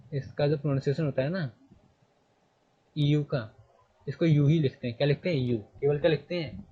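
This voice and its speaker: In a classroom, a male English grammar teacher repeats his points and fires quick questions at his students. His voice is medium-pitched and slightly rough, and the sound is lo-fi.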